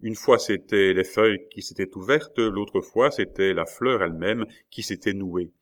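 A man narrating a classic novel as an audiobook, reading in a measured, expressive way. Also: lowish voice.

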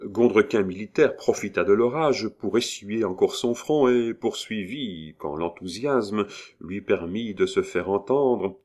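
Low-voiced man reading a novel aloud. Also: unhurried, a little mellow. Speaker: narrator. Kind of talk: audiobook reading of a classic novel.

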